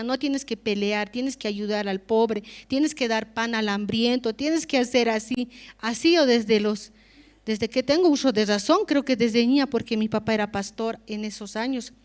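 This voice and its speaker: A woman with a Bolivian Spanish accent giving an earnest, conversational testimony in church, often adding tag questions. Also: fairly high pitch. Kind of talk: spontaneous spoken testimony in church.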